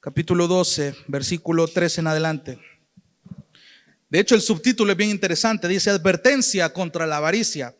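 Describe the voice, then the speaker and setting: A man's voice: sits high, normal speed. A man with a Salvadoran accent preaching a sermon, earnestly addressing his listeners as brother and sister. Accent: Salvadoran Spanish. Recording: long hall reverb.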